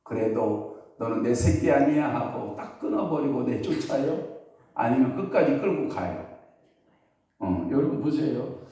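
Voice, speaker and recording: A man's voice: on the high side, darkish tone. A man preaching as pastor at an early-morning sermon, telling stories and putting questions to the congregation. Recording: very echoey hall, voice from a distance.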